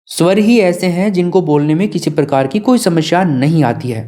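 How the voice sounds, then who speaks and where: Male teacher, mellow voice, lecture style with questions to the class. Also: a little high, lively intonation, moderate pace. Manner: asks students questions and answers them himself. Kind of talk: classroom lesson.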